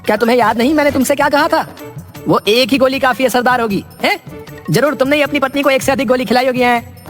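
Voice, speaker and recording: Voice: high voice, fast talker, a bit bright, soft background music, voice pushed up. An actor voicing a stern cartoon pill seller who talks in a scolding, insistent way. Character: stern pill-selling man, blaming.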